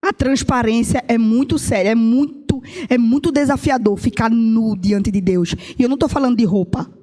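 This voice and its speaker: High-voiced emphatic Brazilian woman preaching. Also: mellow, long reverb tail. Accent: Brazilian Portuguese. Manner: emphatic, stretching key words out slowly; addresses listeners directly with questions. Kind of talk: sermon.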